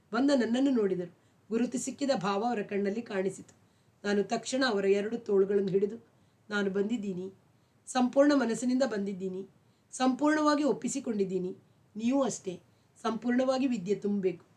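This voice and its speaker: Woman storyteller, middle-aged, steady literary reading of a novel, mid pitch. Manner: calm, even literary reading. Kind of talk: novel read aloud.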